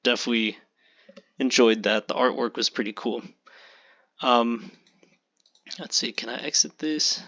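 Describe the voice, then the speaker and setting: Bright-voiced man, casual gameplay host. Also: mid-range voice. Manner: relaxed, halting, with restarts he calls stuttering. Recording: slightly dull lo-fi recording.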